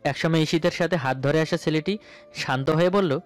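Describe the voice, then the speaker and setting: This man casts himself as the male lead of a romantic tale, telling it dramatically in first person. His voice is a little high and his delivery quick, with music playing in the background.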